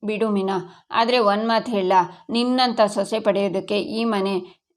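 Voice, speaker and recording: Woman reads soft-spoken young husband, soothing and pleading, storybook recap. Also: medium pitch, fairly even intonation, a little slow, lightly acted. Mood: comforting. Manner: pleading, comforting.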